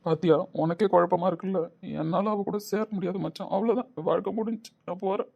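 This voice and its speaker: A man's voice: high voice, quick pace, vocal fry, dark tone, highs cut off. A man voicing a young husband who speaks emotionally and pleadingly about his wife. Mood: lovesick. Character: young husband, guilt-ridden and lovesick.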